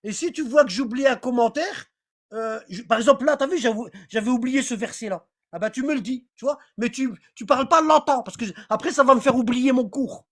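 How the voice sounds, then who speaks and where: A medium-pitched, slightly fast voice leads an informal online religious class, reading from a text before commenting on it. The delivery rambles and repeats phrases, with frequent checks that listeners are following.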